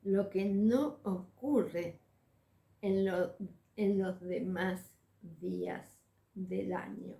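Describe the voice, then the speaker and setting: Very slow-speaking woman teacher, echoey room. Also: medium pitch, steady tone, vocal fry, warm tone. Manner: measured, pausing often to search for words. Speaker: spiritual coach and teacher. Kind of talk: slow, deliberate religious teaching.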